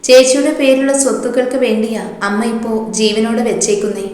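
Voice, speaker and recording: A woman's voice: fairly high pitch, quick pace, lightly acted. A woman voicing a caring younger girl who firmly urges her cousin to flee, in a spoken story. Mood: urging. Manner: warm, urging and reassuring. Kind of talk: storytelling voice acting. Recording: very echoey room, long reverb.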